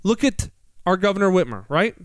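An American male talk host with a high, clear voice. He explains things conversationally, posing rhetorical questions and repeating words for emphasis, in a very dry studio sound. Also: sing-song, fairly quick, no echo. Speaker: financial radio show host.

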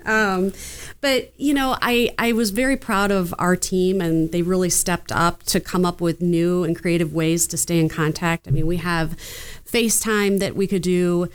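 A woman gives conversational answers as an interview guest. Her tone is crisp and clear, pitched slightly low. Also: fairly even intonation, normal speed. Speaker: interview guest, healthcare provider.

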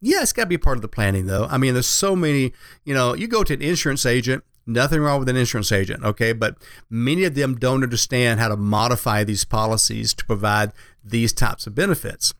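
A man's voice: medium pitch, fairly quick, fairly bright tone, no echo. Man explaining conversationally, dry close sound. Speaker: financial advisor, radio show regular. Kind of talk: conversational explaining on a radio show.

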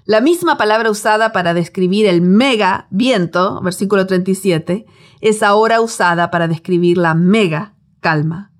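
A woman's voice: medium pitch, moderate pace. A woman giving a devotional Bible teaching, telling it as a dramatic story with rhetorical questions.

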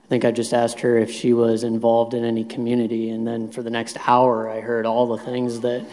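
A man's voice: mid-range voice, monotone, fairly quick, a little mellow. A man from Indiana answering interview questions in an easygoing, hesitant way. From Indiana, USA. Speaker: interview guest, engineer. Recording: reverberant hall.

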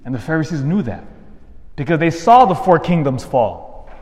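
A man's voice: fairly high pitch, sing-song, normal speed, darkish tone. Priest preaching in long cathedral echo, man's voice. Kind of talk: scripture reading and homily. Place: large reverberant church.

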